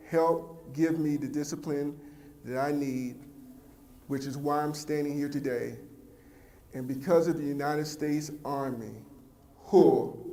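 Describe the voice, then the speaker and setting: A man's voice: a little high, gravelly, dark tone, slight background noise. Earnest male speaker in an echoey hall. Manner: emphatic, addresses the audience directly; heartfelt and earnest. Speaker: youth motivational speaker. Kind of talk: motivational speech to a young audience. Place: large event hall with a live audience. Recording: echoey hall with faint ambience.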